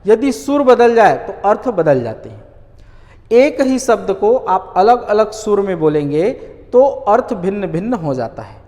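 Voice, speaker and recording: A man teaching a grammar lesson in a very animated voice that climbs and dips widely. He keeps asking questions and answering them himself, and he repeats key words slowly. His voice rings with a long reverb, as if recorded in a bare hall. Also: high-pitched.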